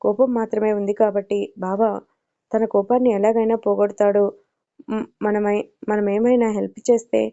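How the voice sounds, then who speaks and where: A woman's voice: medium pitch, flat delivery, normal speed, dark tone, dry recording, natural voice. A woman voicing a playful, affectionate young man who talks eagerly. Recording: dull lo-fi recording.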